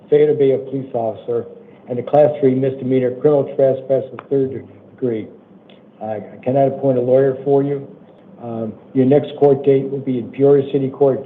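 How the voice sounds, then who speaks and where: The judge, an American man, addresses the court at initial appearance hearings, reading the charges and release terms in a plain, informal, halting way and stopping repeatedly to confirm understanding. His mid-range voice is weak that day. Recording quality is tinny and phone-like with faint background noise.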